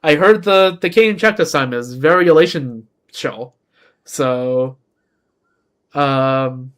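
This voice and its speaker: A young native Chinese speaker from Beijing talks casually as a game streamer, his voice on the high side and his pace slow. He rambles and keeps correcting himself.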